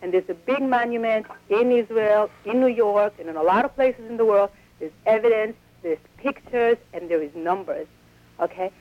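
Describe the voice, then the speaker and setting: A woman's voice: mid-range voice, moderate pace. A woman calling in to a talk radio show over the telephone, upset and insistent, pressing her point in long runs. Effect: heard over a telephone line. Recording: dull lo-fi phone line.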